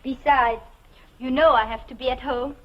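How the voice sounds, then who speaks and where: A woman's voice: high-pitched, steady tone, normal speed, natural voice. An actress playing a coquettish, uneasy woman in a secret romance, refined and theatrical in 1950s television drama style. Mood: coy. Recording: muffled 1950s television soundtrack.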